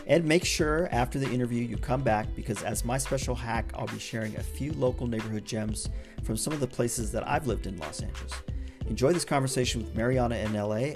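An upbeat man hosts a podcast, talking eagerly with listeners and a guest at a middle pitch. He sounds lively and promotional, and music plays behind him. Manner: enthusiastic, promotional. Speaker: podcast host.

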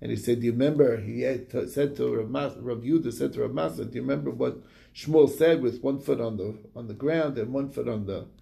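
A man's voice: mid-range voice, brisk, creaky, mellow. A man casually retelling a Talmud story in quoted back-and-forth dialogue, with fillers and restarts. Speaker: Talmud study reviewer.

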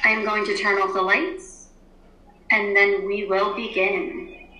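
A woman teacher leading a calm guided grounding and breathing exercise, giving soothing, unhurried instructions with long pauses. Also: mid-range voice. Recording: roomy, echoey indoor sound.

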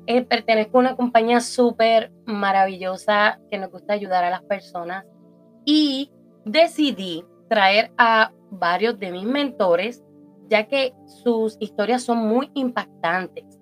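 A woman with a Puerto Rican accent hosting a podcast, chatting enthusiastically as she introduces and interviews a friend. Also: mid-range voice. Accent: Puerto Rican Spanish. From Puerto Rico. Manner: enthusiastic, warm-hearted praising. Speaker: podcast host. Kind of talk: casual interview chat.

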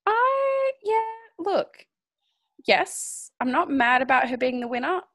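Animated woman with a lively, swooping voice. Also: takes it slowly, dry recording, clean studio sound. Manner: animated, laughs often, swoops up in pitch. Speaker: podcast co-host. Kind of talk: casual chat reviewing a TV competition.

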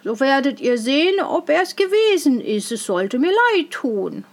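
A woman's voice: high-pitched, sing-song, heavily acted. A woman voicing a naive wide-eyed farm boy. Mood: innocent. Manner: eager, earnest, slow and wondering. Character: naive fearless young peasant boy. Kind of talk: storybook reading.

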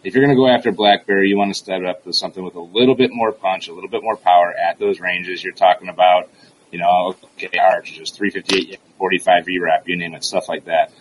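A man's voice: sits low, fairly even intonation, fairly quick, a little hiss or hum, poor audio. A man on a casual podcast, giving blunt, emphatic advice as a gun maker guest.

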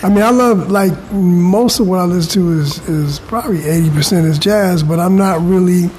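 A man's voice: high voice, normal speed, a little mellow, rough recording. A middle-aged man from California talking casually and informally as an interview guest. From California, United States. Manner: conversational, informal, often says "you know" and "man". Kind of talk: casual chat. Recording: faint background noise.

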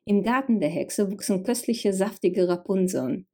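A woman narrating a fairy tale, gently addressing the listener directly. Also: medium pitch, moderate pace. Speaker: storyteller.

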